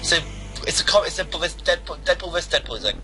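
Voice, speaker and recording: A man's voice: a little high, expressive, fast, pushed and bright, soft background music, low-quality recording. A young man co-hosting a casual podcast, chatting with enthusiasm, repeating himself and swearing casually. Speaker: podcast co-host.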